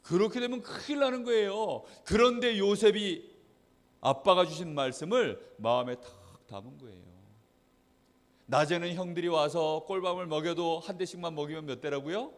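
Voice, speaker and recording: A man preaching a children's sermon as pastor, animated storytelling, asking the children questions and acting out quotes. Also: on the high side, normal speed, long reverb tail. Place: church hall.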